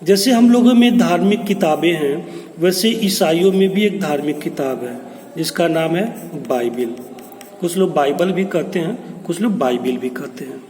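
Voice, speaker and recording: A man's voice: on the high side, lively intonation, normal speed, a little mellow, slight background noise. A man teaching English poetry, explaining each word in Hindi and telling a story to his students. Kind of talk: poem explanation lesson. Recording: echoey room with long reverb.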